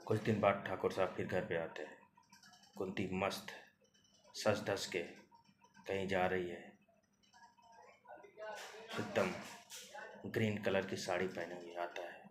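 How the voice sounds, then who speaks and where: Low-voiced male crime storyteller. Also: steady tone, slow pace, pauses often, music in the background. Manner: plain conversational storytelling, repeats "bola". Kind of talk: spoken crime story narration. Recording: roomy echo, faint background noise.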